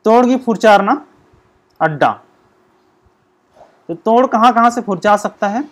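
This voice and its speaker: A man teaching an exam-prep grammar lesson, explaining slowly and sounding out syllables one by one. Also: sits high. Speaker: language teacher.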